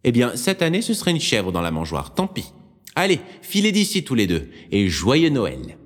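A man voicing a blunt but motherly old nun in an audiobook story, in a raised falsetto. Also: wildly swooping pitch, normal speed, big-room sound. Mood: brisk. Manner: exclaiming, motherly. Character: old nun, bossy, blunt, kindly woman.

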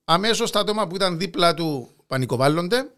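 Male history co-host, Cypriot Greek accent, slightly high voice, conversational and halting delivery. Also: lively intonation, fairly bright tone. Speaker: podcast co-host narrating history. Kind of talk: conversational storytelling.

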